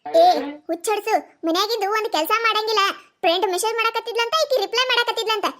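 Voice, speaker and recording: A woman voicing a sharp-tongued, scolding village mother-in-law in a cartoon comedy, with a North Karnataka accent. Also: very high-pitched, fast. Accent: North Karnataka Kannada. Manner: nagging, sarcastic, scolding.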